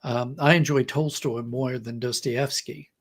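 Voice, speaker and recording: A middle-aged or older man, a writer appearing as a podcast guest, speaks at medium pitch with a steady tone and a measured pace. He reflects on books like a storyteller, acting out quotes to illustrate his points in a conversational literary discussion.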